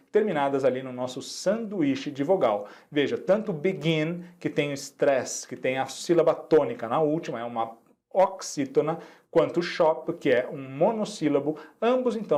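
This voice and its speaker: A man with a Brazilian Portuguese accent teaching a recorded online lesson, patiently repeating each example slowly. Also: a little high, darkish tone. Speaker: English teacher.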